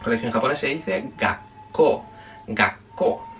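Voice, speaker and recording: A man's voice: mid-range voice, lively intonation, normal speed, gravelly, fairly bright tone, far from the mic, lo-fi sound, soft background music. A man teaching a casual spoken language lesson, chatty and self-correcting, often checking in with his listeners.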